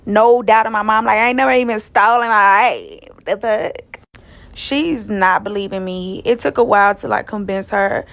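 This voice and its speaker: Gravelly-voiced woman telling a story. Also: medium pitch, normal speed, fairly bright tone. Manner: loose, profane, slangy retelling that acts out others' lines. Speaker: guest telling a personal story. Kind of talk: casual storytelling.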